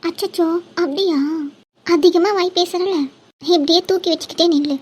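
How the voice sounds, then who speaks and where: A woman's voice: very high-pitched, fairly even intonation, moderate pace. A woman voicing a playful young woman who teases her sweetheart in a cartoon love story. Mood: bossy. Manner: teasing, bossy banter. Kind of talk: cartoon voice acting.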